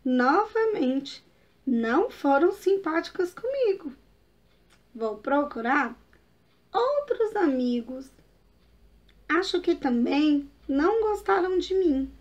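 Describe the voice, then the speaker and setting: A woman's voice: big pitch swings, takes it slowly, pauses often, full character voice. Woman voicing a tearful little puppy. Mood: dejected. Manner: high, tearful childlike voice. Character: sad lonely little male puppy, easily discouraged. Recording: dull lo-fi recording.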